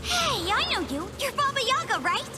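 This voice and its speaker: A woman voicing a spunky, excitable young cartoon girl with an eager, brash manner. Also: extremely high pitch, normal speed. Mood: curious. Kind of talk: animated cartoon voice acting. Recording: loud music under the voice.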